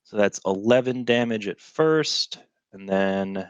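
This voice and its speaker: A man's voice: on the low side, slow pace, smooth, dry recording, muffled recording. A man who is a guest player in a tabletop game, careful and checking details before he acts.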